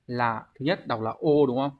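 The audio is narrow and tinny, carrying a man's mid-range voice at normal speed. A Japanese teacher, he leads an online exam review lesson, explaining word readings and checking on the class with rhetorical questions.

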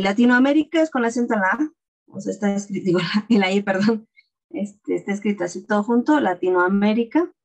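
A woman's voice: fairly high pitch, darkish tone. A woman teaching an online class over a video call, patiently explaining each step. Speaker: class instructor.

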